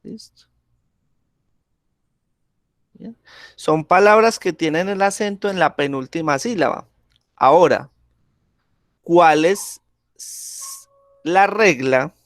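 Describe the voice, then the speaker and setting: A male teacher talks very slowly and patiently, with a slightly raised pitch. He keeps checking in with the class. The sound is dry and close, like a video call. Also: no room sound. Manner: slow, patient, checks in with frequent "¿sí?". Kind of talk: classroom grammar lesson.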